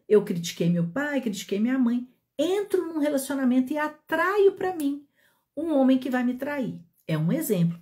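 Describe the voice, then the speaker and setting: Here a woman teaches about relationships, her voice warm and a touch high, with a Brazilian Portuguese accent. She talks straight to the audience and frequently pauses to make sure they understand.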